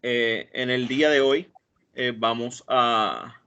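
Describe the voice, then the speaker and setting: This Puerto Rican database administrator speaks slowly in a steady, mid-range voice that is sharp, clear and resonant. He hesitates through his online technical talk with fillers and restarts, recorded on a computer mic as dull, lo-fi video call audio.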